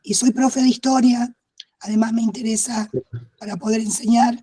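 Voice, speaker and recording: A hoarse woman from Neuquén, a history teacher, introducing herself haltingly on a video call. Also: on the high side, steady tone, dark tone. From Neuquén, Argentina. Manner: hesitant, many fillers and restarts. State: hoarse, losing her voice. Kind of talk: casual self-introduction.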